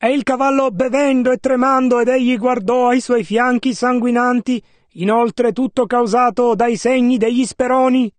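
A man renders a preacher's sermon line by line in a steady, measured voice. His pitch is very high. The sound is dry and close, with no room around it. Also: no room sound. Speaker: interpreter. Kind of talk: sermon interpretation.

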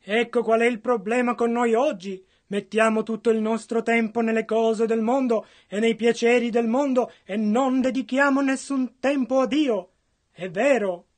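A man's voice: very high voice, fairly even intonation, normal speed. A man interpreting a sermon line by line, earnest and matching the preacher's fervor.

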